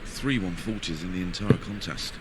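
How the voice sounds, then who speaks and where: A man's voice: deep voice, normal speed. A man giving conversational live commentary as a darts co-commentator. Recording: clear venue noise behind commentary.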